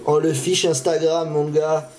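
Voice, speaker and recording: A man with a high, bright voice gives casual reaction commentary on a fishing video. His talk is excitable and full of slang, and he laughs often. Loud background music runs under everything he says. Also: a little slow. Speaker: YouTube fishing channel host.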